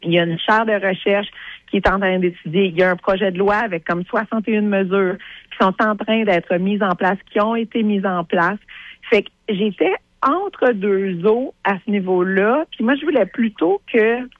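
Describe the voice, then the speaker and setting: Femme québécoise qui raconte avec entrain. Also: female voice, medium pitch, moderate pace, dry recording, dull audio. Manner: animated storyteller who acts out quotes. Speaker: guest, creator of a TV series. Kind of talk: radio interview.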